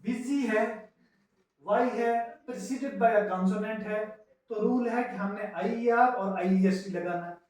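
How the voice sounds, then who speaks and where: A man teaching English grammar in a classroom lecture, explaining slowly and spelling words out letter by letter. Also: high-pitched, a little mellow. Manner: mixes English terms into his explanations. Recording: echoey room, mic far off.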